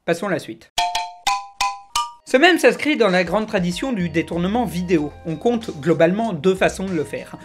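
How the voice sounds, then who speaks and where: A man hosting a web series, delivering scripted commentary at a quick clip with sarcastic asides. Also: high voice. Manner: rapid, animated delivery. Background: faint background music.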